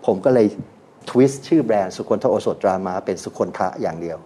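A man's voice: on the low side, brisk. A man on a radio talk show, a guest brand owner who tells his brand stories animatedly and mixes in English terms. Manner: animated storytelling, mixing English terms, laughs.

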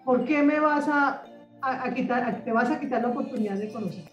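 Enthusiastic woman in her fifties, high voice. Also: fairly quick, echoey room, far from the mic, faint music behind, rough recording. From Colombia. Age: 50s. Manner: enthusiastic, repeats words while searching for them. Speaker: guest, communicator and author. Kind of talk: radio interview conversation.

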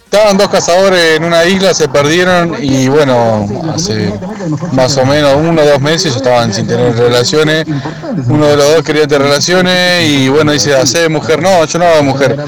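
A man telling a crude joke as a caller, in a plain, flat delivery. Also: on the high side, normal speed, over music, low-quality recording.

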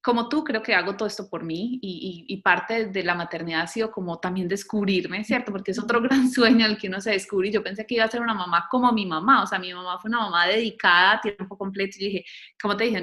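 A woman talking thoughtfully in casual conversation, with frequent fillers and lively quoting of others. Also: mid-range voice, fast.

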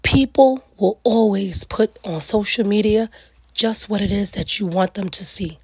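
A middle-aged woman with a raspy, gravelly voice hosts a solo reflective talk, speaking earnestly and emphatically in weighty repeated phrases. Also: mid-range voice, measured pace, no room sound. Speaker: podcast host.

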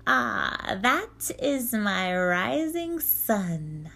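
A woman voicing a commanding, sarcastic old witch who speaks slowly and emphatically. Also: medium pitch, very animated, vocal fry, sharp tone, voice pushed up, full character voice. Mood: fond. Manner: slow, emphatic, nasal sarcastic drawl.

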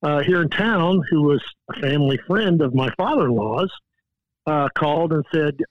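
Older man from Indiana, folksy rambling storyteller, fairly high voice, dull lo-fi sound, dry. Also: animated, normal speed, dry recording. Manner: folksy, rambling, many fillers. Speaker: guest coach. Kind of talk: casual storytelling.

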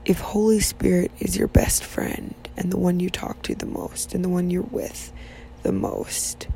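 A woman hosting a casual faith podcast, sleepy and yawning, talking softly in a half-whisper and rambling with restarts. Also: fairly low pitch, flat delivery, a little slow, gravelly, a little hiss or hum, poor audio. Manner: soft, half-whispered talk while her child sleeps; rambling, with many restarts and fillers. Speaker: podcast host.

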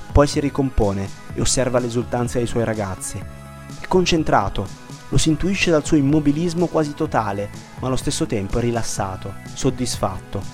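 A man's voice: medium pitch, darkish tone. A man narrating a scripted football story in a dramatic, literary manner.

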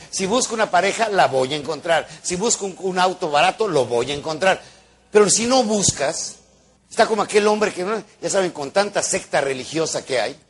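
A man's voice: on the high side, slightly rough. A man giving a motivational talk to a live audience, a theatrical, joking storyteller who acts out voices and sounds. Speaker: motivational speaker.

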